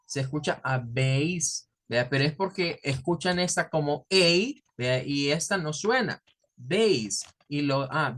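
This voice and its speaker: A man teaching a class, explaining step by step, slowing down to stretch key words and often checking with his students. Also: a little high, fairly bright tone. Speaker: English teacher. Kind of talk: online class lecture.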